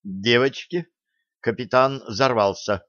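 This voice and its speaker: A man voicing a bossy, quick-tempered young woman who snaps her orders. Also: mid-range voice, a bit bright, no echo, muffled recording. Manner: bossy, snapping.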